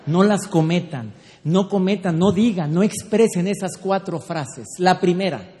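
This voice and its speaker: A man's voice: sits high, measured pace, dark tone. A man giving a humorous, teasing talk on couples to a live audience, acting out little scenes. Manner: playful, teasing, acts out scenes. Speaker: speaker on couples and marriage. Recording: echoey hall with faint background noise.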